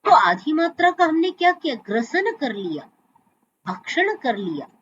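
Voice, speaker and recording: Slow, careful woman teaching Sanskrit pronunciation. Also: high-pitched, very animated, dull audio, slight background noise. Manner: demonstrates pronunciation, stretching sounds carefully. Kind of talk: slow explanatory lesson with recited verses. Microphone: video call.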